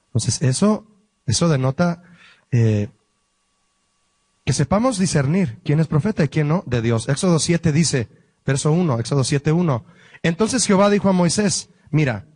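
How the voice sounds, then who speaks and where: A man, a pastor, teaching a Bible study lesson, explaining word meanings slowly and asking the listeners questions. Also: a little high, a little mellow, dry recording.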